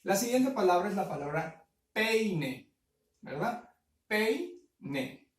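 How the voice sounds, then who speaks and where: A male teacher calmly working through a grammar exercise for primary pupils, stretching out example words syllable by syllable and often checking in with "¿verdad?". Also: high-pitched, distant mic. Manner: slow, syllable-by-syllable word spelling with frequent "¿verdad?". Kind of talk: recorded grammar lesson. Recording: echoey room, voice off-mic.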